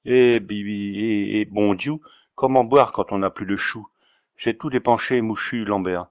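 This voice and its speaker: A man voicing a coarse, drunken male water carrier from Auvergne who lisps his s-sounds as 'ch' and pleads slowly in an audiobook reading. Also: fairly low pitch, steady tone, dry recording, close to an everyday voice. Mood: pleading. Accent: Auvergnat slur, 'ch' for 's'. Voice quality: slurred lisping 's' as 'ch'. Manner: slow, whiny and pleading.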